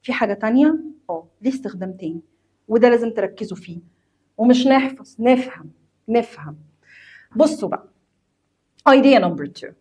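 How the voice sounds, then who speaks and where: A woman's voice: fairly high pitch, lively intonation, fairly quick, pauses often, mellow, husky. A woman with an Egyptian Arabic accent explaining an English grammar lesson to students. She talks straight to them, repeats key points with emphasis and mixes English terms into her explanation. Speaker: English teacher.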